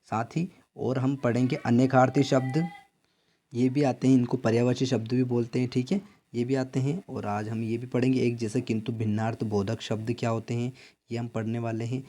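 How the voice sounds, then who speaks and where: A male teacher with a Madhya Pradesh Hindi accent runs an exam-prep lesson. His voice is mellow and warm, sitting in a middling pitch. He keeps asking his own questions and answering them, with a steady "theek hai" after each point. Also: moderate pace. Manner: repeats answers as questions to students; frequent "theek hai" check-ins.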